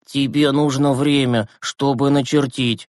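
A man reading an audiobook who voices a weary, grieving teenage boy, low and slow. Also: fairly even intonation, a little mellow, no echo, studio quality, close to an everyday voice. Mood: strained. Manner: low, slow, exhausted, withdrawn.

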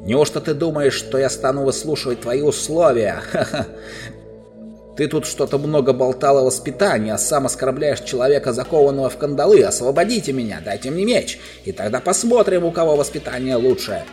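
A man voicing an arrogant, furious young prince in a storybook reading, shouting his lines high and boastful. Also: animated, normal speed, soft background music, natural voice. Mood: scornful. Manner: shouting, boastful, raised pitch.

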